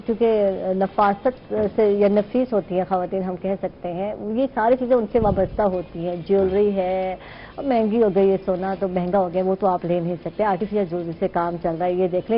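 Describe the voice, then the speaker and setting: A woman's voice: mid-range voice, lo-fi sound, slight background noise. A woman hosting a talk show, giving her opinions earnestly with rhetorical questions. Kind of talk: casual talk show conversation.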